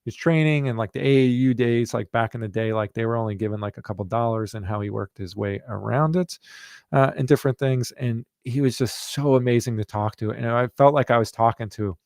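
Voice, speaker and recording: Gravelly-voiced man telling stories. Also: medium pitch, a little fast, no room sound, clean studio sound. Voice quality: gravelly, relaxed and rambling with many fillers. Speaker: running coach and podcast host. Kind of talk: casual storytelling and listener Q&A.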